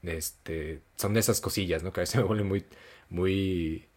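Mexican man, low voice, animated casual storyteller. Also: measured pace. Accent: Mexican Spanish. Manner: animated storyteller, jumps to high acted voices for quotes; colloquial, many fillers. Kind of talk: casual chat.

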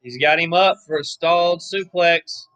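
A hoarse man, giving laid-back, chatty play-by-play commentary on a wrestling match, with offhand asides. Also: on the high side, moderate pace, fairly bright tone, no room sound, poor audio. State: hoarse, losing his voice. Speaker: wrestling watch-along commentator.

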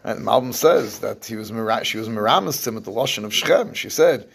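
A man's voice: on the low side, lively intonation, fast, creaky, breathy edge. A man teaching a scripture class, explaining verses at length and often restarting his phrases. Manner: explains in English with Hebrew terms, restarts often. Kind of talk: lecturing on scripture.

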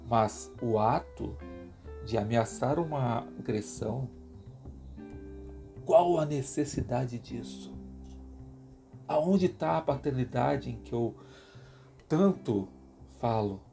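A man's voice: medium pitch, expressive, takes it slowly, creaky, mellow. A Brazilian father in middle age recounts a personal story in a confessional style. He talks emphatically, keeps asking himself questions and adds sound effects. Faint guitar music plays under his voice. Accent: Brazilian Portuguese.

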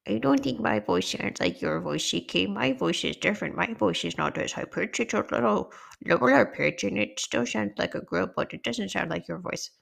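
A matter-of-fact girl character, played by a woman, insists in a girlish voice pitched somewhat lower than her sister's. A gravelly edge runs under it. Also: expressive, moderate pace, a bit bright, full character voice. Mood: insistent.

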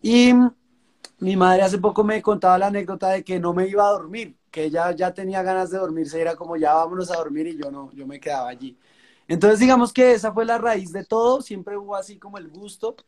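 A young Colombian man with a Colombian Spanish accent, a singer-songwriter chatting in an interview and telling relaxed stories. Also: high-pitched, fairly quick. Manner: relaxed, storytelling, uses fillers like pues. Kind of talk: casual interview chat.

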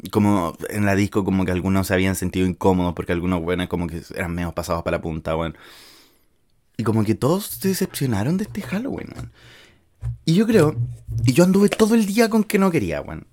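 A man's voice: sits low, animated, fairly quick, a little mellow. A young man with a Chilean accent, telling a story casually in slang-filled speech. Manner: informal and slangy, with frequent filler words. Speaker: vlogger.

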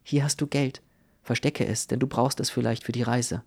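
A man voicing an earnest young man in a spoken audiobook, speaking calmly and reassuringly. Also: medium pitch, normal speed, husky. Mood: urgent. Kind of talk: audiobook reading.

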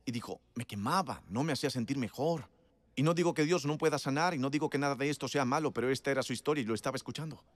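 A man's voice: mid-range voice, fairly even intonation, racing, few pauses, no echo. A man preaching a sermon in a conversational storytelling way, emphatic and laughing often.

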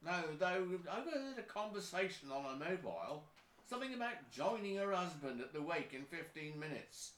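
A man's voice: a little high, big pitch swings, moderate pace, fairly bright tone, a little hiss or hum. An actor playing a sly, mocking male gravedigger with a teasing, sing-song delivery. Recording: roomy echo.

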